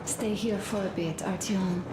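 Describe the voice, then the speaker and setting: Actress as a tender, slow-speaking young wife. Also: female voice, medium pitch, fairly even intonation, natural voice. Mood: gentle sympathy. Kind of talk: video game dialogue. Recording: echoey with clear background noise.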